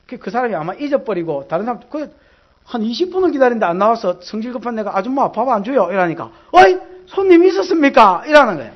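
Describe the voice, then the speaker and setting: A man's voice: sits high, muffled recording. A middle-aged man with a Gyeongsang Korean accent, preaching a sermon and telling earthy personal stories with acted-out quotes. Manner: earthy storytelling, dialect, acts out quotes loudly. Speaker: pastor.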